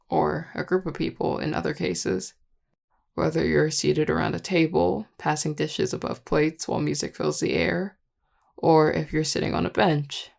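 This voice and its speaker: A performer voicing a charming, affectionate vampire lover in an intimate audio role-play, teasing and tender in a relaxed, gravelly voice. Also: mid-range voice. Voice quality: gravelly, heavy vocal fry. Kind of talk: intimate audio role-play, one-sided dialogue to listener.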